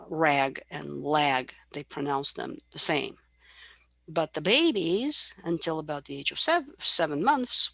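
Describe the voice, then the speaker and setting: A woman's voice: deep voice, vocal fry, pushed and bright, no room sound. A middle-aged woman giving a university psychology lecture, explaining patiently and imitating baby babble as examples.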